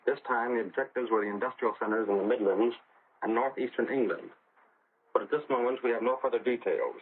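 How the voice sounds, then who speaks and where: An American correspondent with a medium-pitched voice delivers a scripted 1940s radio news report, measured and careful, repeating figures so they come across clearly. The sound is a crackly, phone-like shortwave radio relay from 1940.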